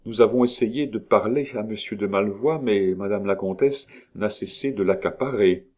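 A man's voice: lowish voice, normal speed, a little mellow, close to an everyday voice. A man reading aloud and voicing a polite, composed doctor. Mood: formal. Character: middle-aged male doctor, composed and formal.

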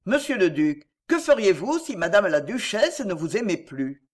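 A woman's voice: mid-range voice, sing-song, normal speed. A woman voicing a troubled, grave doctor who speaks in a solemn, restrained and sorrowful way.

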